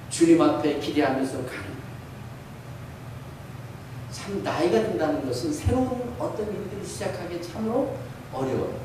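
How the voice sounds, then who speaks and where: Brief: man, raised pitch, preaching an earnest graduation sermon; echoey hall, mic far off, faint noise. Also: dark tone. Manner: earnest exhortation, reading a quoted letter aloud.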